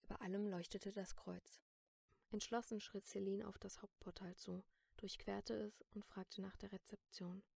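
A woman narrates an audiobook at a steady, measured pace. Her voice has a marked creak. The sound is dry, with the mic set a little away from her. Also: medium pitch, no room sound, recorded from a distance.

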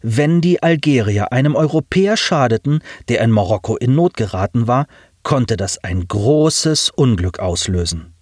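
A male narrator reads a science fiction audiobook with a lively, rising and falling melody. He tells the story at a measured pace in a middle register. The sound is dry and close, as in a booth. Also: medium pitch, no room sound.

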